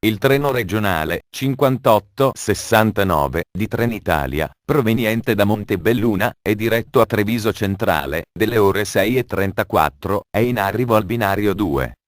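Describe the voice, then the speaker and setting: A man giving formal, measured train station announcements in an automated announcement style. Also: fairly low pitch, expressive, no echo, clean studio sound.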